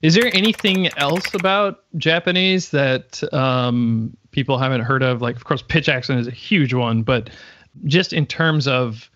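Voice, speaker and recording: A man's voice: mid-range voice, unhurried, fairly bright tone. A man interviewing a guest, asking curious questions in an easygoing, chatty way. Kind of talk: casual chat.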